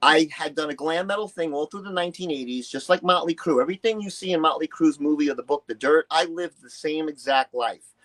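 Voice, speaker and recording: In a rough recording, a man with a highish, slightly bright voice talks a little fast. He's an interview guest from New York City in his early 60s, a retired musician and bodybuilder, telling personal stories frankly with blunt, emphatic swearing and acted-out dialogue.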